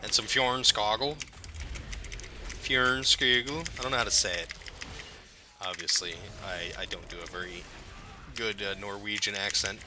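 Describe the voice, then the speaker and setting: A man's voice: low voice, fairly even intonation, normal speed, noisy background. A man giving casual, profane, jokey commentary over his own gameplay and talking back to the game characters.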